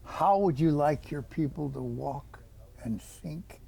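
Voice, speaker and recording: A man's voice: a little high, slow pace, gravelly, dark tone, breathy edge. A man in his eighties, an author, answering interview questions with rambling, folksy stories full of quoted dialogue. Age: 80s.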